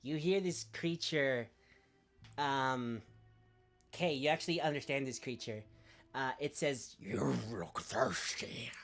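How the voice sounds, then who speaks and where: A woman's voice: extremely low pitch, unhurried, long pauses, faint music behind. A woman running a tabletop game as game master, playful and often laughing.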